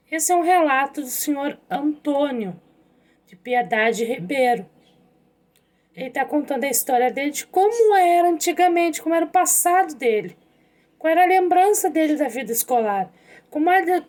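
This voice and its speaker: A young woman leads an online lesson in a high voice. She talks straight to her pupils in a calm, patient way. She reads the story slowly so they can follow along. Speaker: teacher.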